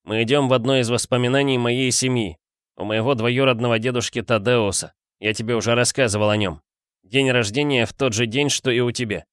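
A man's voice: medium pitch, fairly even intonation, a little fast, a bit bright, clear, resonant tone, no room sound, clean studio sound, voice pushed up, lightly acted. A man voicing a playful, self-assured young man in an audiobook, speaking slyly. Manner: sly, teasing. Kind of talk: audiobook character voice.

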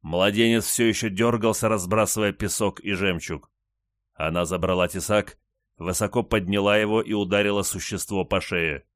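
A man reading an audiobook in an even, measured narration. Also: fairly low pitch, dry recording. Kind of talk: scripted narration.

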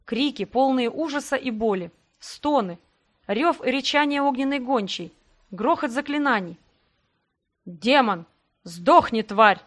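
Female audiobook narrator, dramatic first-person reading, slightly high voice. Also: expressive, moderate pace.

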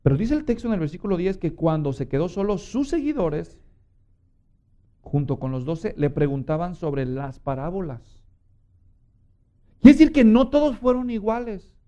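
Mexican man, preacher, sermon, high-pitched, dull lo-fi recording. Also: moderate pace, pauses often. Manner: animated storytelling with acted-out voices.

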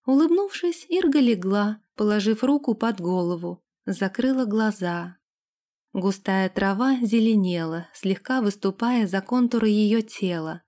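Woman reading a fantasy book aloud, steady, even pitch. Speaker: audiobook narrator. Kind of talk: scripted narration.

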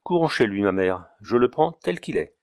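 A man's voice: lowish voice, sing-song, normal speed, a little mellow, no room sound, clean studio sound. A man voicing a vain, headstrong young society bride who speaks in a declamatory way. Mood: indignant.

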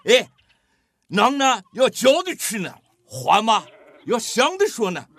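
A whiny stubborn village husband. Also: male voice, very high-pitched, sing-song, slow, a bit bright, no room sound, exaggerated voice. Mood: promising. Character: lazy stubborn villager husband, middle-aged. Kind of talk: radio drama acting.

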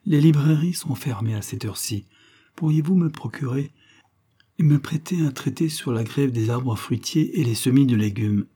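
A man voicing a shrewd middle-aged detective disguised as a gardener, speaking in an assured, deliberate way in an audiobook. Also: medium pitch, warm tone, breathy edge, voice pushed up, natural voice. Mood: firm. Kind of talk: audiobook character voice.

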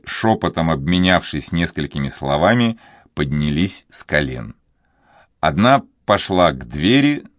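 Male narrator, very deep voice, measured, dry close recording. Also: no echo. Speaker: audiobook narrator. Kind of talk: scripted narration.

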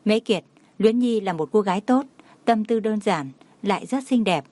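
A woman voicing a gentle, long-suffering middle-aged stepmother in a storybook reading, soft and soothing. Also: mid-range voice, animated, normal speed, no room sound, lightly acted.

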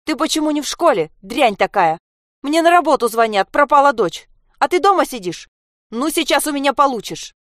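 A woman reading aloud voices a harsh mother who scolds and yells at the children. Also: fairly high pitch, animated, normal speed, pauses often, no echo, clean studio sound, pitched above the performer's own voice, lightly acted. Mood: scolding. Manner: scolding, yelling. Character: harsh furious mother, shouting.

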